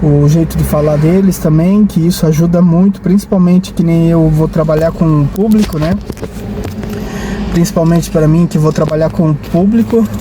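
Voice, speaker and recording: A man from Brazil vlogs casually at a normal speed, his fairly high voice staying steady. His talk is rambling and hesitant, packed with restarts and tag questions, over a noisy backdrop of traffic.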